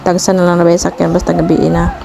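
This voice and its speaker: A woman's voice: fairly low pitch, completely flat delivery, quick pace, vocal fry. A woman in her thirties with a Cebuano accent, chatting casually through a family vlog with frequent laughs and English phrases mixed in. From Philippines. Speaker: family vlogger. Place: outdoor seaside barbecue spot at night. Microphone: phone held at arm's length. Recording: loud outdoor background noise.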